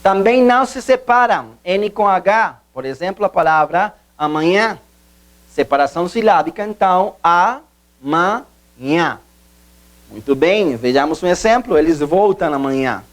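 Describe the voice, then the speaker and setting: A man giving a video language lesson, explaining slowly, repeating himself, and stressing key points. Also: sits high, lively intonation. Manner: slow, repetitive, emphatic teacher's explanations. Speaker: Portuguese teacher.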